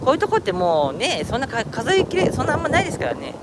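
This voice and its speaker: A man live-streams from a city park, chatting casually and answering viewer comments. He laughs at himself often, and his pitch swings all over the place. The recording carries clear street noise and passing vehicles. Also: wildly swooping pitch, very fast. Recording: outdoor traffic noise. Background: street traffic.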